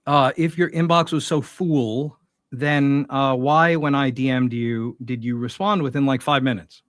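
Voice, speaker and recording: A man's voice: mid-range voice, unhurried, a bit bright, dry recording, studio quality. A young man hosting a show, reacting to a clip with sarcastic, mocking commentary. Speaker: host.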